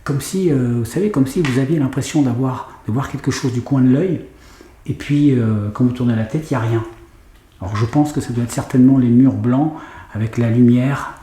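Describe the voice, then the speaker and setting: A man with a head cold, a paranormal investigator vlogger, talks hesitantly to camera with many fillers while exploring a large room in an old house. His voice is medium-pitched and warm at a moderate pace, and the recording is reverberant with a little hiss or hum.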